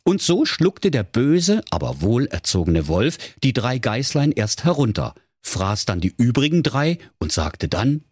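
A man narrating a comic fairy-tale parody in a mock storyteller manner, addressing the children with deadpan asides. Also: medium pitch, a little slow, hardly any pauses, husky, no echo, clean studio sound.

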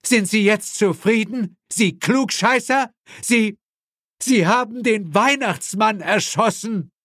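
A man's voice: high-pitched, slow pace, a bit bright, no room sound, studio quality, voice pushed up, full character voice. A man doing a sputtering outraged father. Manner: breathless, sputtering, indignant. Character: outraged, panting father of the family.

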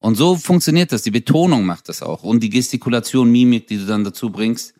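A man's voice: mid-range voice, animated, a little fast, mellow, dry recording, clean studio sound. A young man co-hosting a podcast, teasing his friend in casual comedic banter and acting out stories with sound effects. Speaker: podcast co-host.

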